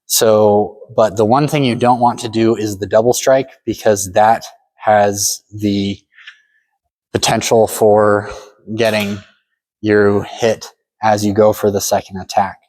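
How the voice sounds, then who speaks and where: A man's voice: lowish voice, little pitch movement, slow, a little mellow, poor audio. A man giving a step-by-step demonstration lesson as a fencing instructor, matter-of-fact and full of directions.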